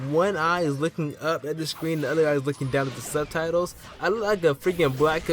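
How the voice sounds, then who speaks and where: A young man hosting a casual anime vlog, joking and ribbing his audience with lively energy. His voice runs a touch higher than most men's, with faint music playing underneath. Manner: animated, joking, playful. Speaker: anime YouTuber host.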